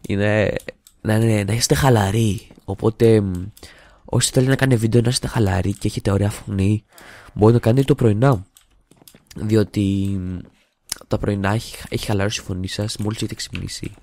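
A man's voice: lowish voice, fairly even intonation, mellow, no echo. A young man hosting a gaming video in casual, jokey commentary, rambling, muttering and humming to himself while he builds, recorded on a desktop mic at home. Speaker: gaming channel host. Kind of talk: casual let's-play commentary. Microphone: desktop studio mic.

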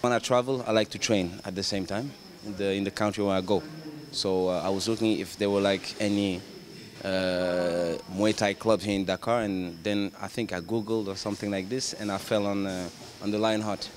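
A man's voice: lowish voice, fairly even intonation, moderate pace, a little hiss or hum. A man in his thirties from Senegal, raised in the UK and France, answering interview questions as a Muay Thai coach, earnest and hesitant with many fillers and restarts, into a handheld mic in an indoor gym. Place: indoor gym, in front of a banner. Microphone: handheld microphone.

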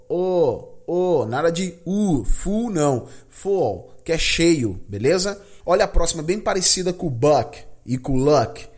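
Podcast teacher, male, Brazilian accent, mid-range voice, patient repetitive drilling. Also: medium pitch. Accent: Brazilian Portuguese. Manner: drills words slowly, repeating each one and checking in with "beleza?". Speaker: English pronunciation teacher and podcast host. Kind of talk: podcast pronunciation lesson.

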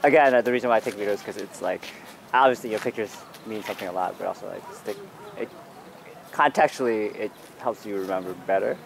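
A man's voice: fairly low pitch, fast, gravelly. A man chatting casually and in a rambling, easygoing way as he films a travel vlog outdoors. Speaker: vlogger filming his trip. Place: outdoors at a park lake, on bridges and paths. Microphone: handheld camera mic, speaker behind the camera. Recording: noisy open-air camera recording.

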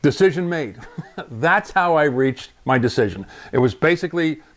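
This casual unboxing vlog features a ham radio channel host in his sixties opening a radio in his home radio room, speaking on a lapel mic. He rambles a bit, chats freely, and chuckles a lot. His slightly bright, higher voice moves at a moderate pace with lively intonation.

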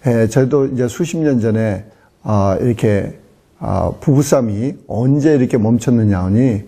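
Dark husky voice of a man preaching. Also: mid-range voice, unhurried. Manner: loud voice; hesitant, many fillers. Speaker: missionary preacher. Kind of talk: sermon.

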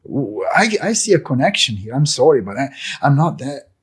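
A man with a husky, slightly breathy voice at a middle pitch tells his own story in an interview. He talks with feeling, stumbles over and repeats words, and gets louder when he is indignant. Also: big pitch swings, normal speed. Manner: impassioned, repeats words and restarts, grows loud when indignant. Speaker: cafe owner, interview guest. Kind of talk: emotional personal testimony.

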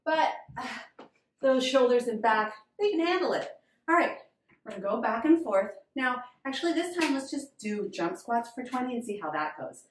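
A woman's voice: on the high side, sing-song, moderate pace, roomy sound, far from the mic, slight background noise. A young adult woman leading a home workout in her garage, counting reps aloud, encouraging and out of breath. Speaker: fitness instructor.

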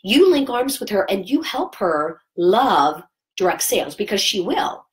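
An energetic woman coaching a room of direct sellers, talking in a chatty way with plenty of fillers. She slips into little acted customer dialogues as she goes, and her voice sits at a middling pitch. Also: a little slow, rough recording. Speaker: direct sales trainer. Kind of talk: sales training talk.

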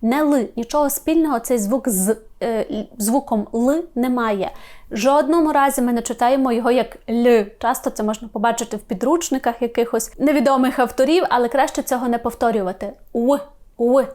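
A woman teaching language pronunciation, patiently sounding out each letter slowly and often checking in with her listeners. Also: on the high side, darkish tone. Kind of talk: explaining pronunciation to learners.

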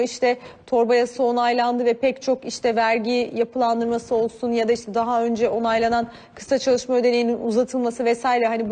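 Female news interviewer, fairly high but soft-toned voice, polite and conversational, with lingering reverb. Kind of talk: live broadcast interview.

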